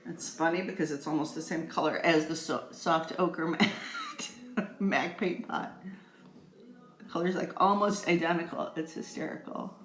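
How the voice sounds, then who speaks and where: The makeup vlogger, a middle-aged woman, has a deep, steady voice and talks a little slowly. She chats casually and playfully to her viewers while doing a tutorial, with room echo and faint music in the recording.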